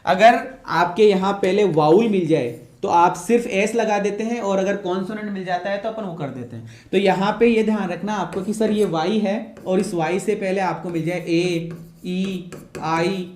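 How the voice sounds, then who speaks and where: High-voiced male teacher, echoey room. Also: moderate pace, darkish tone. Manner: repetitive, asks questions and answers them himself. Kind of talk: classroom-style lecture.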